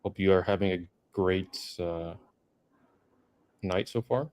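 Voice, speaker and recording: A man's voice: low voice, slow, darkish tone. A man hosting a casual livestream Q&A, reading viewer comments aloud in a laid-back way. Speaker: livestream host.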